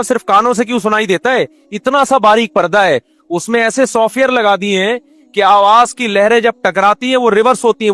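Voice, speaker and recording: Male preacher with a Pakistani Urdu accent, high voice, lively and questioning, dry close sound. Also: dry recording. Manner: lively, rhetorical questions, recites Quranic Arabic. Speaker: Islamic scholar giving a sermon. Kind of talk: sermon.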